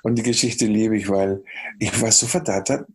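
A man from Chile with a Chilean Spanish accent, a music producer telling animated stories in a podcast interview, humming melodies and acting out dialogue. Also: fairly low pitch, normal speed, breathy edge. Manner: animated storyteller who hums melodies and acts out dialogue. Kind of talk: casual podcast interview storytelling.

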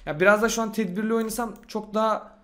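A young man with a high voice talks through his gameplay in a loose, excitable way. He talks to himself as he plays and brags in slangy speech. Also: fast talker. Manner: slangy and boastful. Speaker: gaming YouTuber. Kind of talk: casual gameplay commentary.

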